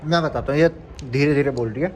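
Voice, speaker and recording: A young man telling college stories in a casual vlog, animated and laughing often. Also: medium pitch, fast. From India. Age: young adult. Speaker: vlogger. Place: college campus. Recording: loud crowd noise behind.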